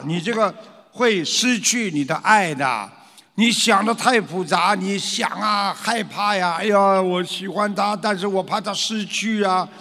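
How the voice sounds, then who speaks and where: A man lectures followers with lively, swooping intonation, often acting out frightened voices and firing rhetorical questions at the room. His voice sits high for a man and carries a gravelly edge. It rings with a long hall reverb. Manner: animated, acts out scared voices and rhetorical questions.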